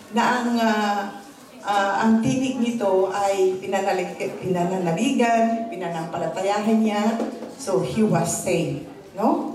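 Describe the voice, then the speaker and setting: A woman's voice: mid-range voice, a little mellow. A woman pastor preaching a morning sermon, telling a story politely and switching between Tagalog and English. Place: church service, morning gathering. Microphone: handheld or stand microphone. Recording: very echoey hall, voice from a distance.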